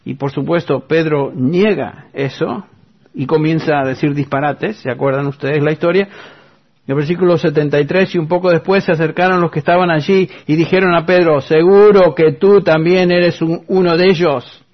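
A man delivers a sermon in a fairly high voice, reading scripture passages aloud and pausing to put rhetorical questions to his listeners. The sound is dull and muffled, like an old radio broadcast. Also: fairly even intonation. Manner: asks the congregation rhetorical questions; reads scripture quotes aloud. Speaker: preacher.

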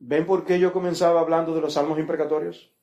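A man's voice: fairly high pitch, flat delivery, fast talker, dark tone. A man preaching a sermon, reading scripture with swelling fervor.

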